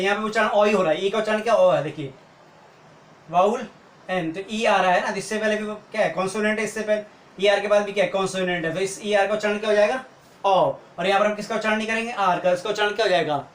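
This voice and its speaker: A man's voice: sits high, steady tone, quick pace. A man teaching a video lesson, explaining step by step and often asking rhetorical questions. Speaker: English teacher. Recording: echoey room with faint noise.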